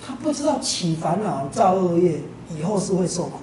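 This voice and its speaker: A man's voice: high voice, big pitch swings, moderate pace, warm tone. A man, giving a Buddhist teaching talk with conversational storytelling and frequent filler syllables. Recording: roomy, distant, noisy lecture recording.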